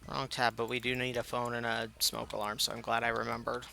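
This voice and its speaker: Tired chatty male streamer, gravelly voice. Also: medium pitch, monotone, fairly quick, sharp tone, soft background music. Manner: chatty, rambling, self-mocking, talks to chat. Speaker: game streamer. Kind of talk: casual live-stream commentary.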